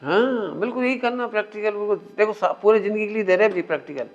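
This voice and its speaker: Speaking fast in a high-pitched voice, a man teaches spiritual matters in a conversational style and often puts questions to his listeners. The audio is a muffled lo-fi recording.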